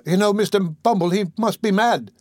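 A man's voice: high voice, moderate pace, a little mellow, dry recording, studio quality, pitched above the performer's own voice. A man doing a fussy fretful undertaker's wife. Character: fussy indignant undertaker's wife, middle-aged woman.

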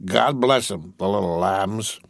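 A man's voice: on the low side, measured pace, creaky, no echo, studio quality, pitched below the performer's own voice. A man voicing a drunken, boastful rich young man who slurs, rambles and keeps breaking into laughter. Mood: drunk giggly.

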